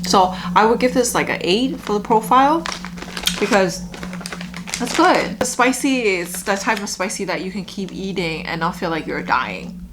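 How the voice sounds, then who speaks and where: A woman giving a casual, halting taste-test review, with lots of filler words like "like". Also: mid-range voice, lively intonation, background noise. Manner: halting, filler-heavy, frequent "like". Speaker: food review vlogger.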